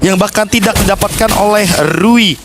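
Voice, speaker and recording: A man's voice: sits high, steady tone, moderate pace, over music. An Indonesian man giving explanatory live esports commentary, sprinkled with English gaming terms. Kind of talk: live analytical game commentary.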